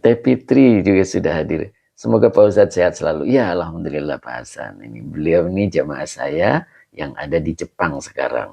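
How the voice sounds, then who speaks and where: A middle-aged man, an Islamic preacher casually chatting through viewer comments on a livestream with chuckles and drawn-out exclamations. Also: very deep voice, expressive, vocal fry, dark tone, husky. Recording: slightly dull lo-fi livestream audio.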